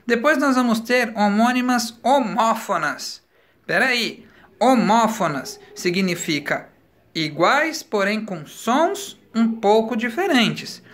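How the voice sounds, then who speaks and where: Bright-voiced teacher explaining slowly. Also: male voice, high-pitched, expressive. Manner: slow, explanatory, spells words out letter by letter. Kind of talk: recorded school lesson.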